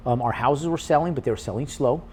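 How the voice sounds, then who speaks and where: A man in an interview who tells his story casually, animated and with casual swearing. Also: medium pitch, quick pace, a little hiss or hum. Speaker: podcast guest, real estate investor.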